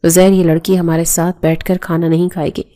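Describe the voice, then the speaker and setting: A woman's voice: on the low side, level tone, mellow, lightly acted. A woman reading the lines of a harsh older mother who gives orders with contempt. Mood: scornful. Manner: commanding, contemptuous.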